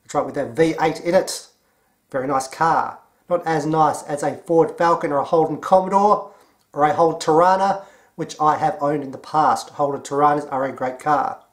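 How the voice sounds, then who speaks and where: Australian man, slightly high voice, deadpan, mocking commentary. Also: moderate pace. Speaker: commentary vlogger. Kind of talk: sarcastic commentary.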